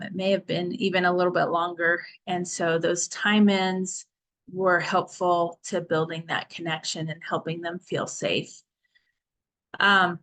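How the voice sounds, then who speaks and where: Slow, low-voiced woman counselor. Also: rough recording. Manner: calm, measured and explanatory. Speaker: counselor and adoptive parent. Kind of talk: training talk.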